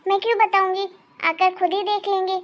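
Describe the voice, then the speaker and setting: A woman's voice: very high-pitched, little pitch movement, brisk, muffled recording. A woman doing a bossy cartoon daughter-in-law. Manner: bossy, scornful. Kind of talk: cartoon voice acting.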